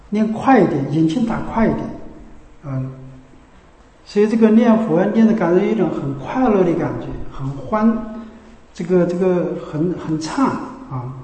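A man speaks as a Buddhist teacher in a casual, animated way and breaks into short chanted phrases to show his point. His voice sits fairly high for a man. The room is roomy and reverberant, with a long hall tail on every word. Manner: lively, demonstrates by chanting phrases. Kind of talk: colloquial dharma talk on chanting.

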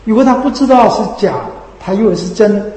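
Man, Buddhist sermon, high mellow voice, rhetorical tag questions, echoey hall with long reverb. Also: a little fast. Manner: drops low and soft on the tag questions. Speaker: Buddhist teacher. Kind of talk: Dharma sermon.

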